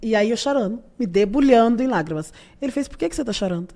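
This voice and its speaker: A Brazilian woman with a Brazilian Portuguese accent, a podcast guest telling animated stories full of laughter. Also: on the high side, quick pace. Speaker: guest, youth party leader. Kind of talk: casual storytelling interview.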